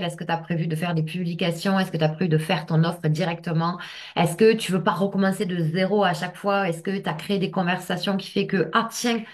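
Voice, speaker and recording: A woman works as a business coach, talking casually to the camera and checking in often with whoever's watching. Her voice is on the low side.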